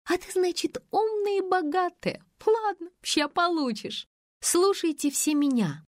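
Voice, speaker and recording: A woman reading an audiobook, voicing a brash, spiteful, scheming woman with a shrill, mocking manner. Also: measured pace, no room sound, clean studio sound. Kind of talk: audiobook character voice.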